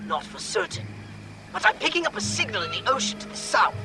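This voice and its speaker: An actor playing a pompous, exasperated alien commander in a video game, speaking precisely and with sardonic scorn. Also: male voice, very high-pitched, huge pitch swings, brisk, gravelly, over music, heavily acted. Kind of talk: video game character acting.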